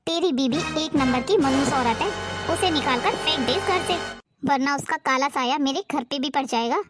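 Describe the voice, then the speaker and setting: A scolding, superstitious middle-aged mother-in-law, voiced by a woman who bosses the whole house. Her voice sits high, and clear background music runs under every line of this homemade drama. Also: moderate pace, natural voice. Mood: accusing. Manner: scolding, bossy. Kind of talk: homemade moral-story drama acting.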